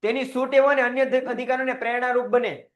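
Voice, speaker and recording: A man's voice: very high-pitched, steady tone, fast talker. A man teacher giving a recorded lecture, firing off rhetorical questions, acting out small quoted scenes and dropping English words into his talk. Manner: asks constant rhetorical questions, acts out little quoted scenes. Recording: dull lo-fi audio.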